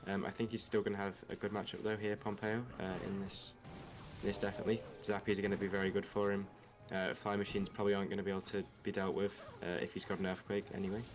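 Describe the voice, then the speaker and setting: A man with a low voice and a general English accent with a hint of Australian twang talks quickly as an esports co-caster. He breaks down matchups in an analytical way. Faint music runs behind him. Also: little pitch movement. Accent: general English with a slight Australian twang. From England, raised in Australia from about twelve. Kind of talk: live esports analysis commentary.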